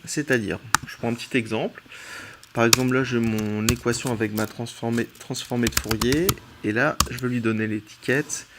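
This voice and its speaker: A man from France teaching a relaxed screen-recorded coding tutorial, thinking aloud as he types and often pausing on "euh". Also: mid-range voice, very noisy.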